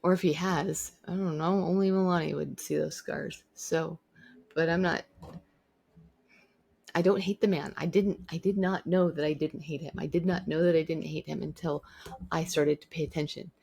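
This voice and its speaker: A woman's voice: sits low, fairly even intonation, normal speed, creaky, a little mellow, slightly rough. A woman vlogger giving an opinionated monologue, emphatic and repeating her points for stress. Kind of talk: opinionated talking-to-camera monologue.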